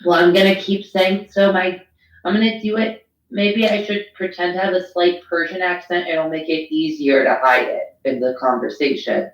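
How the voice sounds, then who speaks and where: A woman co-hosting a casual podcast, rambling and crude in animated banter. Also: on the low side, moderate pace, lo-fi sound, slight background noise. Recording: roomy echo.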